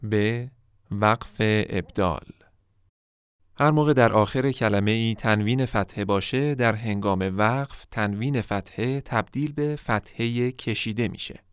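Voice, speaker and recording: Male lesson narrator, smooth and close, dead-dry sound, measured delivery that drags out example words. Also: fairly low pitch, dry recording. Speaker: Quran recitation teacher. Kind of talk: scripted instructional narration.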